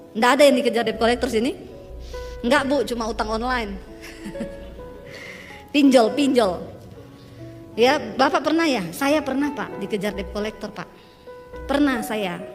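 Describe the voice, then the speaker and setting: Woman pastor, high voice, emotional testimony sermon, hall reverb with faint music behind. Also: measured pace, pauses often. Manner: emotional testimony with audience banter.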